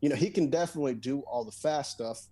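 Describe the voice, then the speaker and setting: This podcast guest, a guitarist and songwriter, talks fast in a medium-pitched voice with a dark tone. The conversation is casual and rambling, loaded with fillers, restarts and plenty of "dude."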